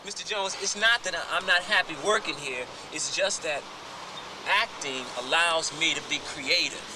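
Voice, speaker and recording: An actor playing a meek, pleading young fast-food employee in a comedy film. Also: male voice, a little high, noisy background, lightly acted.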